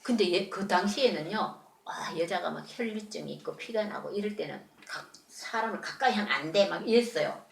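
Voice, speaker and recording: A woman telling a Bible story to children in church, animated and often asking them questions. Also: medium pitch, moderate pace, creaky, roomy sound. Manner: animated, asks children questions, acts out voices. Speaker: children's Sunday school teacher.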